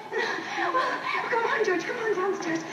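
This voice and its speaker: An eager, laughing young wife, high voice, echoey old film sound, crowd behind. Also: female voice, big pitch swings, slow pace, distant mic, very noisy, exaggerated voice. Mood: joyful. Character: loving young wife calling for her husband.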